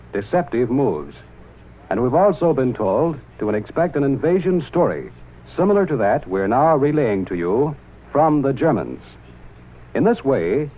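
A man reading a formal wartime radio news bulletin in a measured announcer delivery, with the sound of an old newsreel broadcast. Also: mid-range voice, breathy edge. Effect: old newsreel-style radio broadcast sound. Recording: tinny, narrow-band 1940s radio broadcast.

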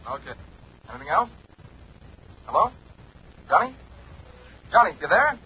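A man's voice: high voice, big pitch swings, measured pace, breathy edge, exaggerated voice. An actor playing an easygoing male friend on a phone call in an old radio drama. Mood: casual. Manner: casual, puzzled. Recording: muffled old radio recording.

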